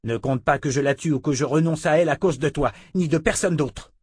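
A man's voice: fairly high pitch, a little fast, darkish tone, breathy edge, no room sound, clean studio sound, voice pushed up. A man reading an audiobook, voicing a defiant young man who argues and pleads. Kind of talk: audiobook character voice.

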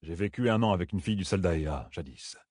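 Guy putting on a gruff old woodsman muttering low, husky, dry sound. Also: lively intonation, fast talker, darkish tone, no echo. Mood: wry. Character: weathered older bearded woodsman, dry and wary.

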